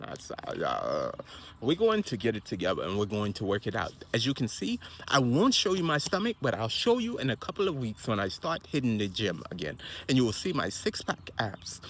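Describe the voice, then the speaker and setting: A man's voice: mid-range voice, a bit bright, slight background noise. A man who is a minister, talking in a rambling, repetitive motivational monologue about health and family. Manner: rambling and repetitive, with wandering asides.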